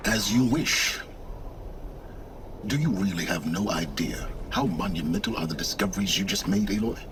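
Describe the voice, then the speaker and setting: In a video game, an actor voices a condescending, pompous middle-aged male scholar of ancient ruins, delivering lines in a measured, theatrical way. The voice is low and expressive, and the background is noisy.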